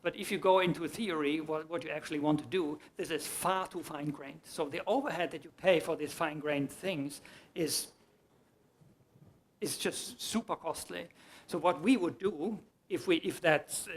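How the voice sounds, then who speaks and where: Fairly high-voiced man taking questions. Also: fairly even intonation, moderate pace. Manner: explanatory, restarts mid-sentence. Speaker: conference speaker. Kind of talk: answering audience questions. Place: conference hall.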